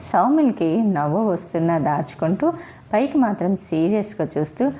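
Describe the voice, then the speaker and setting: A woman narrating a romance story in a steady, plain reading style. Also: mid-range voice, normal speed, slight background noise. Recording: dull lo-fi recording.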